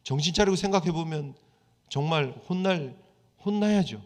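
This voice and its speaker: A male pastor preaches conversationally, his slightly high, darkish voice moving at a normal speed with lively intonation. He acts out the prayers and complaints of the people he describes, with the reverb of a church hall around him.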